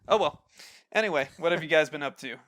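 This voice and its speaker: Bright, clear-voiced male podcast host. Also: fairly high pitch, fast talker, dry recording. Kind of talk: casual podcast chat.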